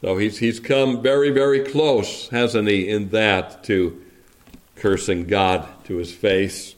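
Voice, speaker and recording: A man preaching a sermon, reading scripture aloud and then explaining it in a measured, reflective way with rhetorical asides to the congregation. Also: lowish voice, fairly even intonation.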